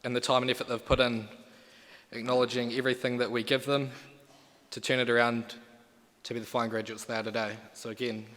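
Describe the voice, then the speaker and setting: A man's voice: mid-range voice, little pitch movement, a little fast, fairly bright tone. A young man gives a podium speech as a student leader, formal with colloquial asides. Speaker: student association president. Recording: reverberant hall, amplified speech.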